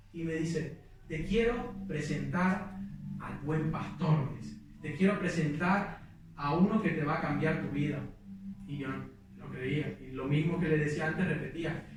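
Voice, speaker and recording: A man's voice: sits high, fairly bright tone. A young man preaching a sermon in a church, telling his own testimony in an earnest, emotional way. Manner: earnest, emotional storytelling with quoted prayers. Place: church hall. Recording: distant, very echoey church hall with music.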